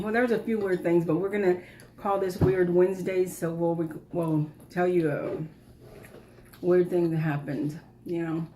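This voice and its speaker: A woman's voice: lowish voice, a little hiss or hum. A woman chatting casually to a camera at a kitchen table, rambling with fillers as she hosts a mukbang vlog. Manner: relaxed, rambling with fillers, Southern phrasing. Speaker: vlog host. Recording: loud dish clatter over the voice. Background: clinking dishes and cutlery.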